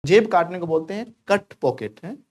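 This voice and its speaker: A man from India teaching a lively spoken-English class in Hindi. His voice sits a little high, and he jokes and coaxes the room to repeat phrases after him. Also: moderate pace. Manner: animated, joking, coaxing the class to repeat.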